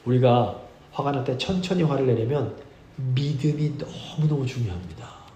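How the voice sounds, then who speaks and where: A male pastor giving a sermon, earnest and measured, reading scripture slowly for emphasis. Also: mid-range voice, lively intonation, warm tone, echoey room, a little hiss or hum. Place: church sanctuary.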